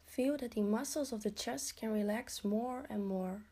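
A woman guiding a progressive muscle relaxation exercise in a slow, soothing, instructional way. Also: fairly high pitch, mellow, slightly rough. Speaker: relaxation guide.

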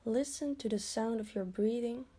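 A woman guiding a progressive muscle relaxation exercise in a slow, soothing, instructional way. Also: a little high, dark tone, husky. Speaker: relaxation guide.

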